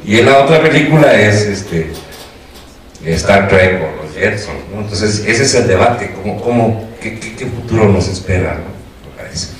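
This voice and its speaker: A man's voice: lowish voice, expressive, measured pace, slight background noise. A middle-aged man with a Mexican accent, moderating a panel in a rambling, chatty way with many restarts. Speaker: moderator, academic. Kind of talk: casual panel commentary. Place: lecture room. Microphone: distant room mic. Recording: echoey room from a distance.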